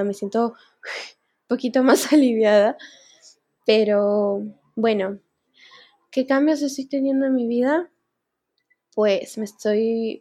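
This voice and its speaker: A woman's voice: mid-range voice, dark tone. A young woman talking candidly and emotionally in an unscripted personal vlog, sometimes close to tears. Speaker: vlogger.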